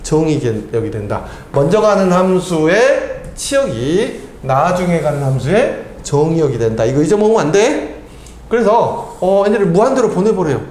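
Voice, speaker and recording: A man's voice: a little high, very animated, normal speed, a little mellow, a little hiss or hum. A man tutoring math, quizzing his student with constant tag questions and chatting casually between problems. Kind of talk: tutoring lesson with casual chat. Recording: echoey room.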